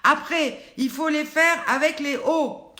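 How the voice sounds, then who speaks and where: An older woman leads face and neck exercises on a live video, talking loosely and teasing herself. Her voice is bright and tense. The sound is roomy, recorded on a phone in an echoing space. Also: high voice, takes it slowly. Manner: chatty, rambling and self-mocking. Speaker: host of a daily live show. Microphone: phone camera.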